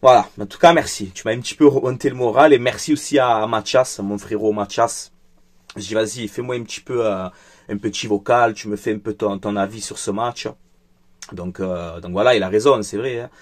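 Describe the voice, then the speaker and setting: A man's voice: on the low side, brisk. Angry, chatty man debriefing a match. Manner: frank and chatty, with many fillers. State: angry and upset. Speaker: football vlogger. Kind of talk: casual football debrief.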